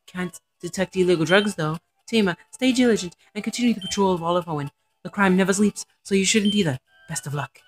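A man's voice: high voice, a little fast, soft background music, pitched above the performer's own voice, natural voice. A man voicing a confident female police officer in a game, reading her lines aloud in a raised voice as a proud mentor. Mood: praising. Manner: read aloud in a raised, bright voice.

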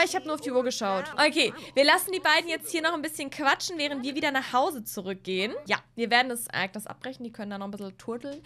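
Woman gaming host, high bright voice, chatty and thinking aloud. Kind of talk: narrating a life-sim game.

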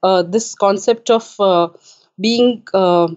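A woman's voice: mid-range voice, takes it slowly, darkish tone, muffled recording. A woman from Kuwait, an author being interviewed, speaking hesitantly with frequent filler sounds. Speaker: author and guest. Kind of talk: casual interview talk. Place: home in Richmond.

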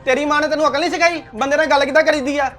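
A man's voice: very high-pitched, fairly even intonation, racing, fairly bright tone, soft background music. An actor playing a hot-tempered young husband who barks bossy commands at his wife. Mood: angry, bossy. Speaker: actor in a family skit.

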